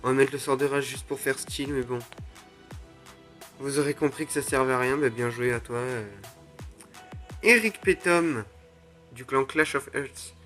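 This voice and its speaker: Young male gamer, mid-pitched, narrates his matches with loud groans and cheers, quiet music bed. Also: moderate pace, long pauses. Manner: excitable, groans and exclaims at each play. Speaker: gaming YouTuber. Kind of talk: live mobile game commentary. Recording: faint music under the voice.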